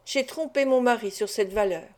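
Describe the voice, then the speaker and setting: A woman's voice: fairly high pitch, normal speed, close to an everyday voice. A woman voicing an anguished but resolute wife and mother making an earnest confession in an audiobook of a classic novel.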